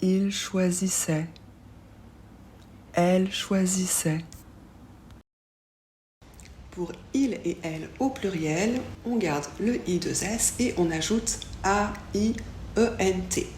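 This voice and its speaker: A woman teaching a French lesson, saying each example slowly and pronouncing it clearly. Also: mid-range voice, darkish tone. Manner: slow, clearly articulated model pronunciations. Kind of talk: language lesson. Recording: echoey room with faint background hiss.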